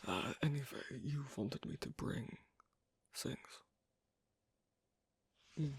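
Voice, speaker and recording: A performer gives a full character voice as a bashful, awkward werewolf on a first date for a gentle ASMR roleplay. The medium-pitched, animated voice is breathy and husky, and the lines come out terse, halting and hesitant.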